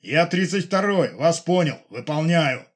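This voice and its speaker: A man voicing a seaplane pilot who shouts urgent reports over the radio in a high, strained voice. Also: expressive, unhurried.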